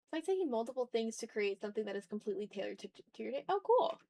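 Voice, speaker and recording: A woman's voice: a little high, sing-song, very fast, gravelly, warm tone. A woman livestreaming as she draws, chatting casually with viewers and muttering to herself as she talks through each step. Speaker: art streamer. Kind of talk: casual livestream chat while drawing.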